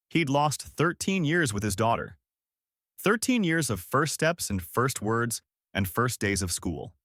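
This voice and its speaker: A man giving scripted narration of an emotional drama story in a measured, even way. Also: medium pitch, no room sound, studio quality.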